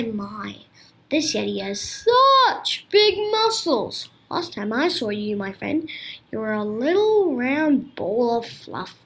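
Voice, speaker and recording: A woman's voice: high voice, fairly bright tone, heavily acted. A woman voicing a kindly male monster king in a children's story, fond and welcoming toward visitors. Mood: delighted. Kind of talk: storybook character voice.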